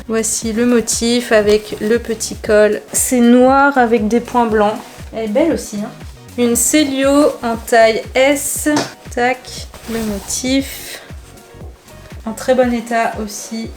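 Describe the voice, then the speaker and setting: A woman's voice: fairly high pitch, steady tone, slow, darkish tone, soft background music. A young woman vlogger chatting casually and informally, showing clothes to the camera with slang and fillers.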